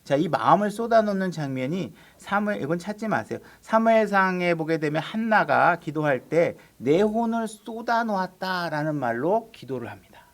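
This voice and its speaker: A man's voice: a little high, expressive, moderate pace, few pauses. A man preaching a sermon as pastor, in a conversational way with frequent rhetorical questions to the congregation. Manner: acts out quoted prayers and voices of God in his own voice.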